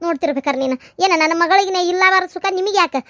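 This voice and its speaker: A woman voicing a distraught village mother in a cartoon, with a North Karnataka accent, who wails, pleads and shouts threats. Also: very high voice, animated, a little fast, dry recording, clean studio sound. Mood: threatening. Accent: North Karnataka Kannada. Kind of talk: cartoon comedy voice acting.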